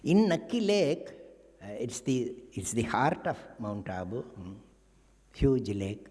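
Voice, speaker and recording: A man's voice: mid-range voice, big pitch swings, slow pace, a little mellow, breathy edge. A man giving a spiritual discourse, telling anecdotes and chanting Sanskrit verses. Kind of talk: sermon. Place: ashram discourse hall. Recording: echoey hall.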